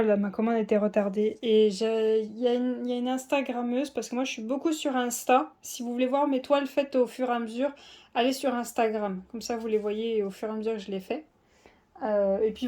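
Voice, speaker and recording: A woman's voice: fairly high pitch, warm tone. A woman chatting casually through an unboxing, full of fillers and self-deprecating asides. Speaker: diamond painting vlogger.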